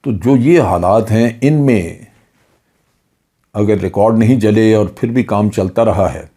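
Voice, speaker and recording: A man's voice: on the low side, mellow, slightly rough. An older man, a retired general from Pakistan, delivering an earnest political commentary monologue with rhetorical questions.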